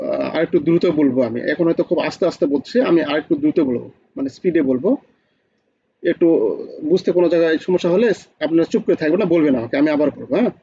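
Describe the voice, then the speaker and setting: Fast-talking high-voiced male teacher. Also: mellow, slightly rough, no room sound, muffled recording. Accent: Bangladeshi Bengali. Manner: quizzes students with repeated questions. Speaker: accounting teacher. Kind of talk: online class lecture.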